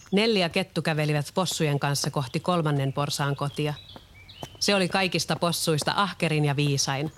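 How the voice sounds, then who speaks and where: Steady children's-story narrator, middle pitch, faint hiss behind. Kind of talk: storybook read-aloud.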